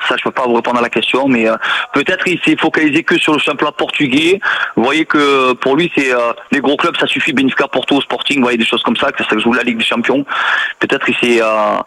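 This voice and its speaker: A man's voice: mid-range voice, sharp tone, low-quality recording. A middle-aged man with a southern French accent, a former footballer chatting as a radio guest in a rambling, good-natured way. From south of France. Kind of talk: casual radio interview.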